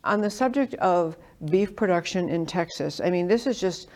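A woman from New York with a fairly low voice, hosting an interview. She talks conversationally and at length, offering her own opinions as she sets up questions. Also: expressive, normal speed, darkish tone. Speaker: interview host.

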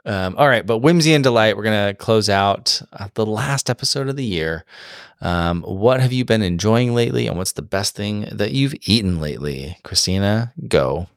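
A man co-hosting a podcast, talking in a relaxed, rambling way. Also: lowish voice, normal speed, dry recording, clean studio sound. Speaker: podcast co-host. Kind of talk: casual chat.

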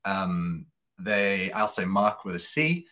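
A man chatting as a podcast guest, telling anecdotes in a relaxed, chatty way and laughing easily. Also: deep voice, slow pace. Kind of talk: casual chat.

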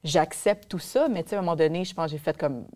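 A woman's voice: low voice, fast talker, darkish tone. A woman with a Québécois accent, speaking candidly and reflectively as a podcast guest. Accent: Québécois French. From Quebec. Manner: reflective, candid, with frequent fillers. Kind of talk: casual podcast conversation.

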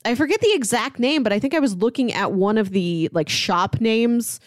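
With a voice on the high side and lively intonation, this podcast co-host talks at a moderate pace, recorded dry with clean studio sound. She's in a casual chat about comic books, explaining things with enthusiasm and sprinkling "like" throughout.

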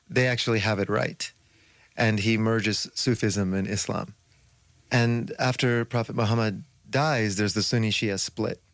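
A male guest on a radio interview lays out his ideas in long, fluent stretches, now and then pausing on an "uh." His voice sits fairly low. The sound is dry and close. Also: clean tone, no room sound. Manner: fluent, explanatory, with occasional uh fillers.

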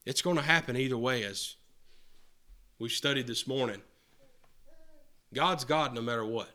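A man preaching a sermon to a congregation. He talks earnestly, repeats and restarts phrases, and swings between loud and soft. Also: mid-range voice, moderate pace. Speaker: pastor. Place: church hall with a congregation answering.

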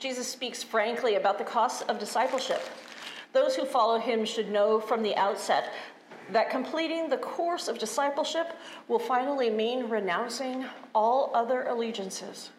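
A woman pastor reading liturgy and scripture in a formal, measured way, with a cathedral echo. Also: on the high side. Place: church sanctuary. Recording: echoey church, faint noise.

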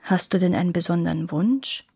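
A woman's voice: fairly low pitch, brisk, warm tone, husky. A woman voicing an earnest young male prince.

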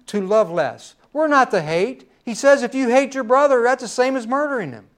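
A man's voice: very high voice, expressive, normal speed. A middle-aged man preaching a sermon in a folksy storytelling way, with personal asides.

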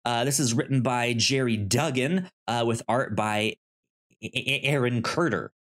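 This co-host speaks at medium pitch and a measured pace, his tone a bit bright. In casual podcast talk he reads comic blurbs aloud and pitches titles, regularly stammering at the starts of words.

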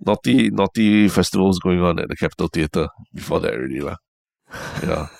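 A man's voice: low-pitched, brisk, creaky, a little mellow, no room sound. A man with a Singaporean accent chatting casually as co-host of a podcast. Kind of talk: casual chat.

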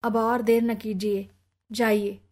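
A woman's voice: fairly high pitch, fairly even intonation, normal speed, close to an everyday voice. A woman reading as a proud young lady. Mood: composed. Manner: sharp but formal speech.

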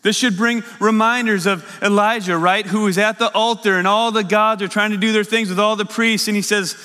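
A man pastor preaching a sermon in an animated, emphatic way that rises with excitement. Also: high voice, brisk. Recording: long reverb of a large hall.

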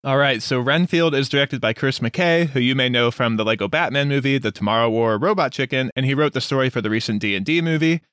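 Male co-host, quick and opinionated, casual movie chat in a dry close recording. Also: medium pitch, a bit bright, clean tone, dry recording. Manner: opinionated, blunt. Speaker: podcast co-host. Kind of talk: casual film review chat.

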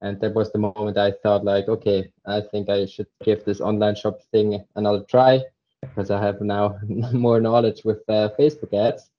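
A young crypto startup co-founder from Zurich, Switzerland, guests on a podcast and tells his story casually, full of fillers. His voice is on the low side, flat, and at normal speed, coming through dull lo-fi remote audio.

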